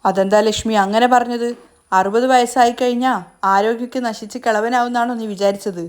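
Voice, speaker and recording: A woman's voice: fairly high pitch, fairly even intonation, a little fast, smooth, natural voice. A woman voicing a playful, proud grandfather in his sixties in a spoken serial recap. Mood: boastful.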